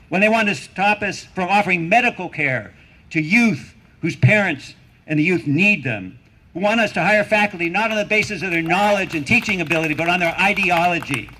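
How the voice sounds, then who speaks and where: A middle-aged or older man giving a rally speech as a professor, emphatic and deliberate, building on repeated phrases and rhetorical questions. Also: fairly high pitch, pushed and bright. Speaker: university professor speaking at a rally.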